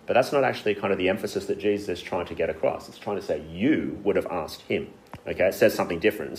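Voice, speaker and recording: A man leading a workshop on public Bible reading, talking casually with frequent fillers to a group in a room. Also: medium pitch. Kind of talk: informal teaching to a group. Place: meeting room with an audience, also streamed online.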